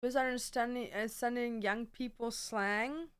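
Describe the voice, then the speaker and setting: A woman's voice: on the high side, fairly even intonation, moderate pace, clean tone. A woman chatting casually and playfully while getting ready, with a sassy, slangy way of talking. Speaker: livestream host. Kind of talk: casual get-ready-with-me chat.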